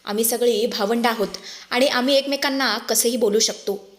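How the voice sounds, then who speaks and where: A woman voicing an arrogant young sister who scolds and shouts. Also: a little high, normal speed, natural voice. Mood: scolding.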